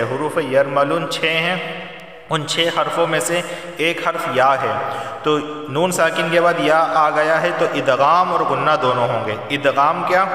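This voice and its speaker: A man with a somewhat high, bright, forceful voice, chanting verses slowly and melodically before explaining each recitation rule plainly. He sounds set back from the microphone, in a very echoey space with a long trailing reverb. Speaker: Quran teacher. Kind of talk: Quran recitation and tajweed lesson. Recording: roomy echo, long reverb, distant mic.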